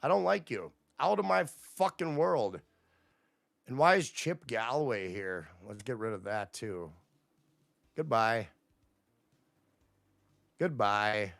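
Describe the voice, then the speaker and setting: A man's voice: medium pitch, animated, takes it slowly, gravelly, pauses often, fairly bright tone, no echo. A man hosting a livestream, ranting at his chat in a profane, combative way. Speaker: livestream host. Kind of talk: casual livestream rant to chat.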